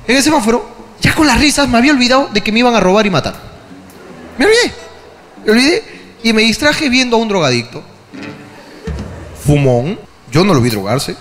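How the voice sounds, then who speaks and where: A man with a Peruvian accent, hosting a comedy podcast, telling a crude story in an animated way, dropping tag questions all the time. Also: mid-range voice, long reverb tail. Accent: Peruvian Spanish.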